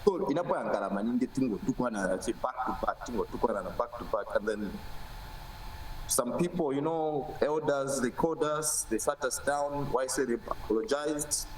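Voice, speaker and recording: A man's voice: medium pitch, moderate pace, reverberant, recorded from a distance, a little hiss or hum, poor audio. A Zambian man answering as an interview guest in casual chat, hesitant with many fillers, mixing in local words. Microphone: video call.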